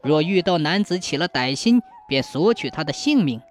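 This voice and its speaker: A woman narrating a folk ghost story in an expressive storytelling manner. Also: sits low, normal speed, faint music behind.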